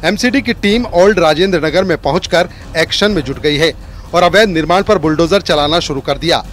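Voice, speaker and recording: A man reading a scripted news report as a voice-over in a steady, formal manner. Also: on the high side, a little fast, slight background noise.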